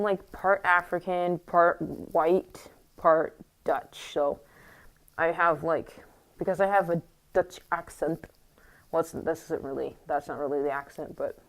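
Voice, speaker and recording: A young woman vlogging in a casual, rambling monologue full of fillers and restarts, her voice a little squeaky from the morning and talking through a mask. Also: low-quality recording. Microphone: wearing a mask.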